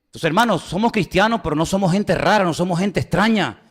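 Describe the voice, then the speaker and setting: A man's voice: sits high, fast. A man preaching a sermon to his congregation, telling humorous stories and acting out conversations. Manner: humorous storytelling, acting out dialogue in his own voice; conversational, addresses the congregation directly. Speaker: pastor.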